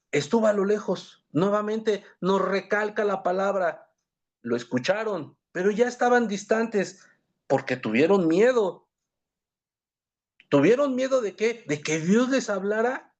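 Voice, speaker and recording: High-voiced man teaching a Bible class. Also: expressive, a little slow, darkish tone. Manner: earnest, reads scripture aloud, addresses listeners as brothers.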